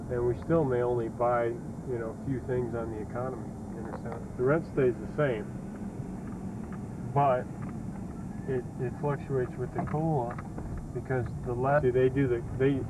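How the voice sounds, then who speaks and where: Husband, casual, rambling explainer; old camcorder VHS tape, loud hiss and car noise. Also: male voice, medium pitch. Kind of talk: casual chat while driving. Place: inside a moving car. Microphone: home camcorder.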